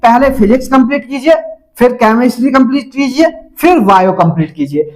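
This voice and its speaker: A man's voice: extremely high pitch, lively intonation, brisk, rough recording. A man giving casual exam-preparation advice to viewers, instructive and repetitive, speaking to them directly. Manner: instructive, repeats each step, addresses viewers directly. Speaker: exam-prep adviser.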